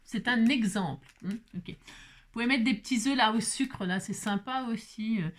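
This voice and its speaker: A French woman hosts a casual craft tutorial, chatting playfully, talking to herself while she works and laughing a lot. Her voice is fairly high and her pace is normal.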